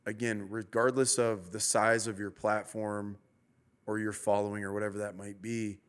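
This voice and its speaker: Earnest low-voiced male pastor. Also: little pitch movement, normal speed. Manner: earnest, preacherly, asks himself rhetorical questions. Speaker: pastor and podcast host. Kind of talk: reflective conversational podcast talk.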